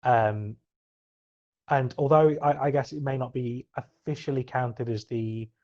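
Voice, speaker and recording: A man's voice: mid-range voice, fairly even intonation, unhurried, mellow. A man co-hosting a casual podcast, hesitant with many ums but enthusiastic. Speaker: podcast co-host. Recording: slightly dull lo-fi mic.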